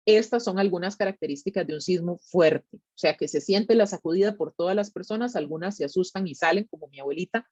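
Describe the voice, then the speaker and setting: A woman with a low, darkish voice and a Costa Rican Spanish accent, a tsunami monitoring specialist, gives a public educational talk in a conversational way. She often checks in with short tag questions. The audio is dull, with no room sound.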